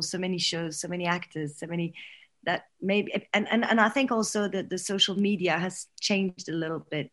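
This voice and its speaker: Woman, French accent, interview guest, halting speech, frequent restarts, light laughter. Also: lowish voice, fairly bright tone. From Paris, France. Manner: hesitant, many restarts and repeated words; laughs often while talking. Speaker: actress guest. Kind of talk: casual interview chat.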